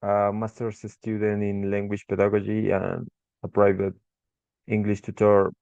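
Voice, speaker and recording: In a dry, slightly muffled recording with no room sound, a young man with an Ecuadorian Spanish accent presents to a class. An English tutor, he talks slowly in a low, flat, smooth voice, frequently restarting words and filling pauses with "uh."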